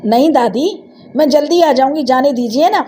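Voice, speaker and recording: A woman's voice: high voice, normal speed, dark tone, a little hiss or hum, natural voice. A woman voicing a playful, headstrong teenage village girl who talks in a coaxing, cheeky way. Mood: eager.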